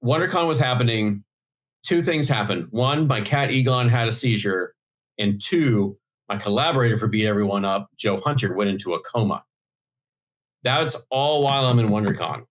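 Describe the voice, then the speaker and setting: A man's voice: fairly low pitch, moderate pace. A man, a comic book writer, chatting on a podcast and telling long, rambling stories full of fillers and restarts. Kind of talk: casual podcast chat.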